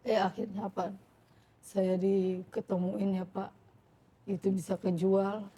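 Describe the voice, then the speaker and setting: Mellow-voiced woman telling her story. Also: mid-range voice, slow, slightly rough. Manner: animated, acts out her own past words and prayers. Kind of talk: emotional personal storytelling.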